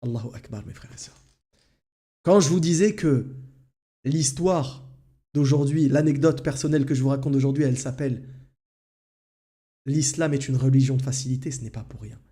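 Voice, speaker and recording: A man hosting a live stream, telling a personal anecdote in an animated way and addressing his audience directly. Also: medium pitch, normal speed, pauses often. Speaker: religious talk host.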